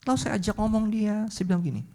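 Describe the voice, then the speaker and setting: A woman preaching a sermon, speaking straight to the congregation and telling a story that swings between hushed, quiet passages and loud, excited ones. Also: mid-range voice, fast.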